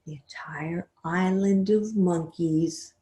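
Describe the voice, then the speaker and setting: An older woman giving a webinar talk, telling stories expressively and often trailing off into a soft, quiet voice. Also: on the low side, steady tone, slow. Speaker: webinar speaker. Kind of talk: storytelling talk. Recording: roomy echo.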